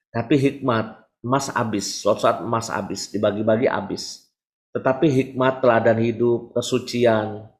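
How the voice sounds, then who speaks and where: A man in his forties, a priest giving a frank, conversational sermon to a congregation with everyday examples. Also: on the low side. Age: 40s.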